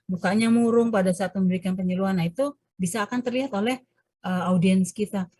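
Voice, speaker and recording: A woman lecturer teaching an online class over a video call. She explains at length with many hesitations and self-corrections, and changes her pitch to act out examples. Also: fast talker, no room sound. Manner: animated, shifts pitch to demonstrate examples. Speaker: university lecturer.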